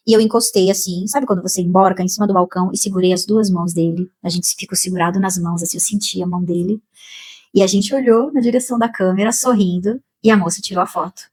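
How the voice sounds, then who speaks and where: A Brazilian woman slowly and emotionally telling a personal spiritual testimony, with many repetitions. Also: mid-range voice, darkish tone, husky. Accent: Brazilian Portuguese. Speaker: spiritual channel host.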